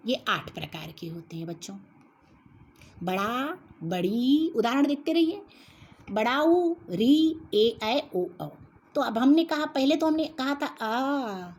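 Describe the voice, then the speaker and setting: A woman teaching a school grammar lesson, speaking slowly and carefully and answering her own questions. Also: a little high, a little mellow, slight background noise.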